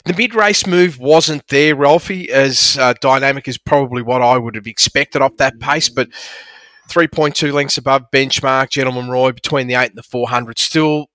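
A man with an Australian accent talks through racing figures as an analyst. His tone is bright and punchy, his manner friendly and rambling, and the sound is very dry. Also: medium pitch, normal speed, no room sound. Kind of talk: conversational sports analysis.

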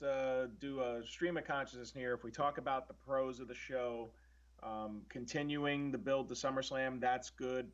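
A man of ordinary pitch gives his earnest, analytical take on the week's wrestling. He stumbles and restarts as he thinks aloud. His audio is somewhat dull and lo-fi. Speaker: podcast co-host. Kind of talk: casual wrestling review chat.

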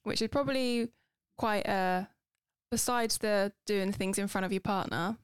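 Female co-host, matter-of-fact explainer, mid pitch, dry recording. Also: measured pace, clean tone, dry recording. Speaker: podcast co-host. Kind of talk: casual chat.

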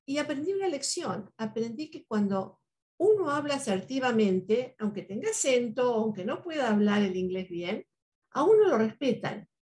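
A woman with a fairly high, darkish voice talks at a moderate pace with lively intonation. Spanish is her first language, and she speaks earnestly in a reflective podcast conversation, often tossing in "¿no?" and "eh".

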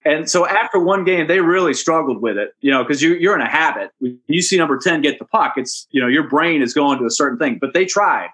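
A man's voice: a little high, fairly quick, hardly any pauses. A man, a hockey radio broadcaster, telling a story as a guest on a casual podcast. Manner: chatty, animated storyteller.

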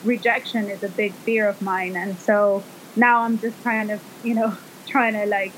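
Thoughtful Salvadoran-born woman, faint rumble. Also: fairly even intonation, a little slow, rough recording. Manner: thoughtful, hesitant, many fillers. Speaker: fashion and textile designer, guest. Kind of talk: casual interview talk.

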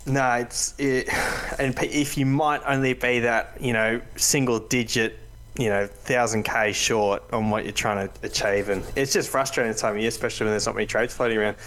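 A man's voice: mid-range voice, steady tone, fairly quick, fairly bright tone. A man hosting a casual, matey and slangy fantasy rugby league chat. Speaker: podcast host.

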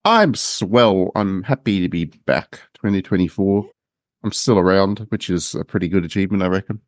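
A man bantering casually on a podcast in a deadpan, self-deprecating way. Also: low voice, moderate pace, dry recording, clean studio sound. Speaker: podcast panellist.

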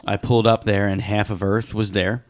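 A man's voice: on the low side, flat delivery, moderate pace. A man co-hosting a podcast, chatting casually and telling a long story full of details. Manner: rambling storyteller, piles on details. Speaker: podcast co-host. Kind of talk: casual chat.

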